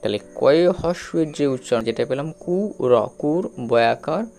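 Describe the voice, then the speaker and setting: A man teaching a spelling lesson, sounding out syllables slowly and repeating them, with regular checks that the learner follows. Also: medium pitch, vocal fry, a little mellow, faint music behind. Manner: slow, repetitive, drawn-out syllables with frequent checks.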